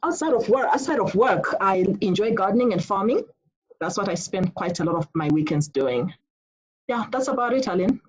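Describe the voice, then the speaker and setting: A woman's voice: mid-range voice, lively intonation, moderate pace, slightly rough, rough recording. A woman from Zimbabwe introducing herself as a panellist on a video call, earnest and self-correcting.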